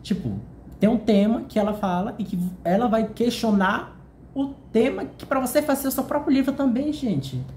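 A man with a Brazilian Portuguese accent, excitedly unboxing a book on a casual vlog, gushing and jittery with nerves. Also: very high-pitched, normal speed, roomy sound, slight background noise. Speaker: vlogger. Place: hotel room.

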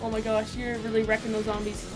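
High-voiced excitable young woman gamer. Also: fast, over music. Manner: upbeat, chatty, full of filler words and sudden excited outbursts. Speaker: gaming channel host. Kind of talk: excitable let's-play commentary.

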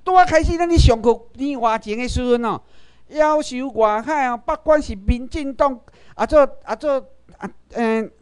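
A man's voice: very high-pitched, moderate pace, darkish tone, clear, resonant tone. A man with a Taiwanese accent gives a political lecture to a class, firing rhetorical questions and asking the audience to raise hands.

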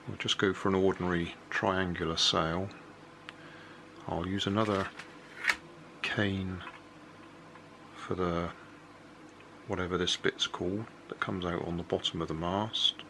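A man's voice: low voice, gravelly, pushed and bright, a little hiss or hum. An older man casually walking through a hobby build at a kitchen table, explaining each step plainly and unhurriedly, correcting himself as he goes.

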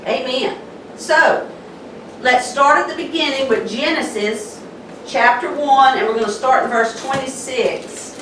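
A woman pastor with a Southern accent preaching a sermon slowly and emphatically. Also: high-pitched, background noise. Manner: slow, emphatic preaching with pauses. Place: church sanctuary. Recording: echoey church hall, mic from a distance.

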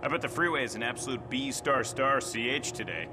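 A man voices a chatty bank guard in a video game, with a mid-pitched, everyday voice. He jokes and makes small talk at ease. A layer of noise sits under the game dialogue. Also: animated, fairly quick, natural voice.

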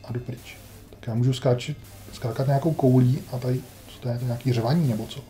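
A man's voice: medium pitch, fairly even intonation, dark tone, soft background music. A man casually commenting on his own retro game playthrough, wry and grumbling, talking to himself as he plays. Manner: wry, grumbling, talks to himself while playing. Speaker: gameplay commentator. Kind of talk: casual let's-play commentary.

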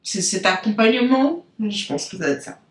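A woman's voice: medium pitch, expressive, normal speed, echoey room. A woman from France with a French accent, a business coach hosting her podcast in a loose, unscripted monologue that rambles and digresses as she talks straight to her listeners. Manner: rambling, chatty, loses her thread and digresses; talks directly to listeners with frequent fillers.

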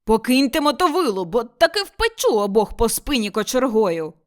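Woman voicing a gruff angry old peasant. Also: on the high side, big pitch swings, normal speed. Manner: gruff, commanding, shouting. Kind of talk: audiobook character voice.

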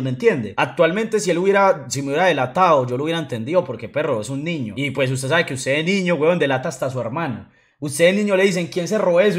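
Slangy Colombian man telling a story. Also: a little high. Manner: profane, slangy, animated. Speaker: streamer. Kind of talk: casual storytelling on stream.

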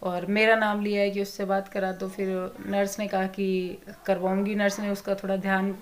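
A woman giving a soft-spoken, worried family update in a casual vlog, rambling on in long runs. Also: mid-range voice, level tone, moderate pace, background noise. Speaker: vlogger.

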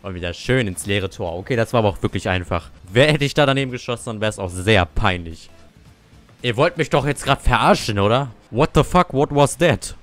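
A man's voice: on the low side, lively intonation, fairly quick, a bit bright, soft background music. A young man giving casual gameplay commentary, cursing and ranting at his teammates. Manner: salty, swears and rants at teammates. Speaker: gamer.

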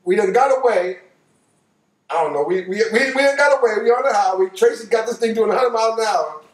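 Talking fast in a high voice, an older American man shares a personal story from his living room couch. He's casual and colloquial, leaning on repeated phrases for emphasis. A distant microphone captures him, so the sound is roomy.

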